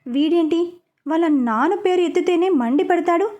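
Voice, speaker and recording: A nosy young male coworker, puzzled and a little sly, voiced by a woman telling a story. The voice stays high and light. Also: moderate pace, a little mellow. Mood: wondering.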